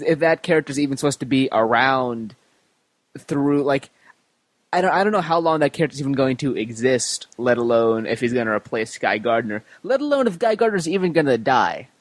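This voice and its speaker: A man's voice: mid-range voice, dry recording. A man co-hosting a comics podcast who talks in a hesitant casual way with many restarts. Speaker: podcast co-host. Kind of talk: casual chat.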